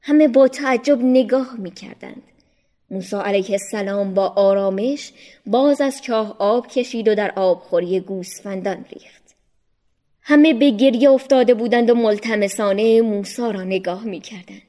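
A woman narrating a storybook for children in an expressive, measured way. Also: medium pitch.

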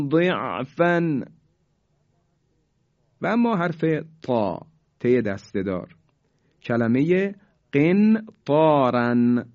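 A man teaching tajweed. He explains each rule quickly, then recites the examples slowly and drawn out. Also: mid-range voice, a little mellow. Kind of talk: tajweed lesson. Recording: dull lo-fi recording.

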